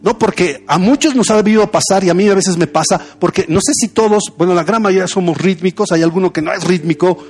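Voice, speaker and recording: A man's voice: high-pitched, fast, hardly any pauses, faint music behind. A young man, a pastor giving a conversational sermon full of personal stories. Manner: conversational, anecdotal preaching.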